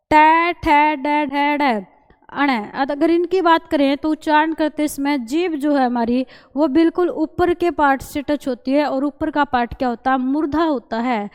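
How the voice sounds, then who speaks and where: A young woman teaches an exam-prep grammar class in a high voice. She drills each term again and again, and she poses questions that she answers herself a moment later. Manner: repeats key terms, asks and answers her own questions. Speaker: Hindi teacher.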